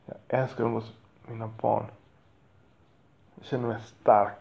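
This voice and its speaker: Blunt, cursing father with a gravelly voice. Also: lowish voice, little pitch movement, reverberant, lo-fi sound. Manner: blunt and profane, rambling, self-deprecating. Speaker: father talking about parenting. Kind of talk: candid monologue.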